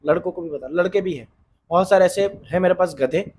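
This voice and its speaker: A man's voice: high-pitched, fast, a little mellow, a little hiss or hum. A man giving relationship advice in a casual monologue, earnest and insistent, often repeating himself.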